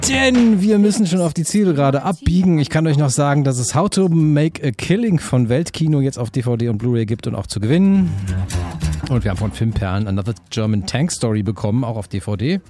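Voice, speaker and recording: A man's voice: medium pitch, animated, brisk, over music. A man hosting a talk show in a casual radio style, recorded in a studio.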